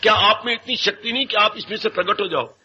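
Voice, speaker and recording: A man's voice: high-pitched, fast talker, pushed and bright, muffled recording, a little hiss or hum. A man voicing a grown male devotee who begs a goddess to appear. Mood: pleading.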